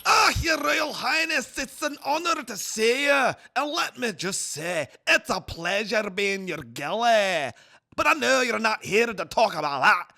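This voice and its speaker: An actor playing a boisterous Scottish gillie who claims psychic gifts, in a hammy, exclaiming comedy sketch. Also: male voice, very high-pitched, expressive, measured pace, creaky, bright, forceful tone, heavily acted. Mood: fawning. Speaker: comic sketch character.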